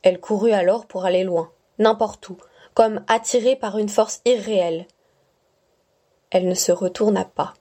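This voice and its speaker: A woman reads a short story aloud in a mellow, warm voice. Her pace is slow and measured, like a bedtime reading. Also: mid-range voice, steady tone. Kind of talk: scripted narration.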